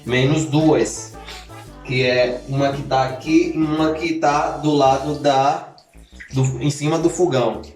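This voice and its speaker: A man's voice: fairly high pitch, steady tone, slow pace, darkish tone, roomy sound, faint music behind. Chatty self-mocking man in his thirties. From Salvador, Bahia, Brazil. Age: 30s. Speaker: family vlogger. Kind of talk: casual vlog talk to viewers.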